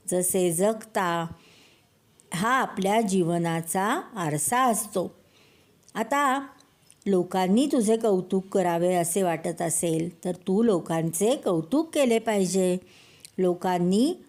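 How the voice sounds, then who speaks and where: An older woman, a storyteller grandmother, telling a children's story in a slow, gentle way and speaking straight to the kids. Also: medium pitch.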